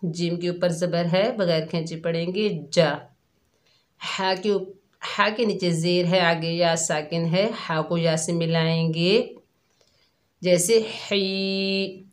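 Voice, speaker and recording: A woman with a somewhat low voice gives a calm, methodical recitation lesson, naming each letter and mark in turn. She speaks very slowly and patiently, and her throat sounds a little sore. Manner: calm, methodical explaining, drawn-out recitation of words. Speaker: Quran recitation teacher. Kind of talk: slow step-by-step tajweed lesson.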